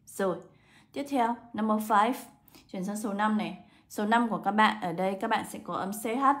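A woman English teacher, walking students through exam answers step by step and slowing down to read English words aloud. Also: mid-range voice, a bit bright. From Vietnam. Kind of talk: exam answer walkthrough lesson.

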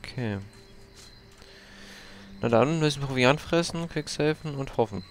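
A young man casually commenting while he plays a video game, chatty and prone to startled, high-pitched outbursts. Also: unhurried, a little hiss or hum. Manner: chatty, exclaims and jumps to high-pitched yelps when startled. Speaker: let's play gamer.

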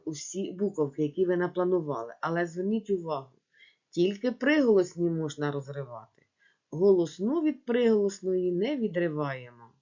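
A woman teacher speaks to young pupils in a slow, carefully paced voice that rises and falls a lot, drawing out each word as she dictates. Her voice sits fairly low, and the recording sounds muffled and lo-fi. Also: a little mellow. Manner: slow, syllable-by-syllable dictation, addressing children. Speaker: primary school teacher. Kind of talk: video lesson for children. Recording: dull lo-fi home recording.

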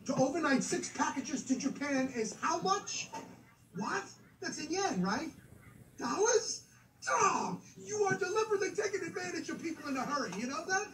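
An actor playing a whiny, flustered, impatient customer in an animated film. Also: high-pitched, unhurried, echoey room, distant mic, a little hiss or hum, low-quality recording.

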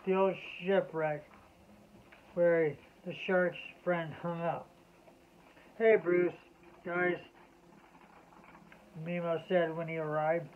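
A man reading a children's bedtime story aloud in a slow, measured way. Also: a little high, little pitch movement, a little hiss or hum. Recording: tinny lo-fi phone-like audio.

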